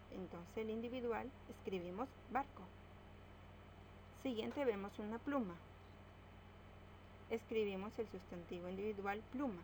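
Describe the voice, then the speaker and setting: A woman teaching a grammar lesson, slowly spelling out words and stressing each syllable. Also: mid-range voice, darkish tone, slight background noise, rough recording.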